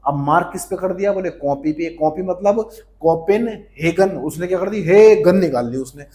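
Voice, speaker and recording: Playful teacher quizzing himself aloud. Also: male voice, a little high, a little mellow, a little hiss or hum. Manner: playful, asks and answers his own questions. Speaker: exam coaching teacher. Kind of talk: online lesson with memory tricks.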